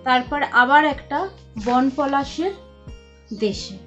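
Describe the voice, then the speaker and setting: A high-voiced woman in her thirties, speaking, chats casually to her vlog audience. She hesitates often and restarts her sentences. The recording is slightly muffled, and soft music plays in the background. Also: slow. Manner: chatty, with many hesitation sounds and restarts. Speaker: vlogger. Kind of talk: casual vlog chat showing books. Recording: slightly dull lo-fi sound with faint music.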